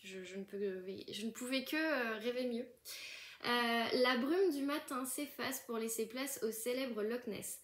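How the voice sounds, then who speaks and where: A woman's voice: on the high side, measured pace. A young woman chatting casually through an unboxing, gushing often and full of fillers and restarts. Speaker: book vlogger.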